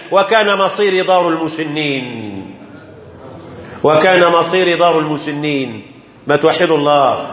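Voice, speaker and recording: Male Egyptian preacher, high voice, emphatic storytelling sermon, roomy dull hall recording. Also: fairly bright tone. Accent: Egyptian Arabic. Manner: emphatic, slows and rises on key phrases. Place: mosque. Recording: echoey mosque hall, dull lo-fi sound.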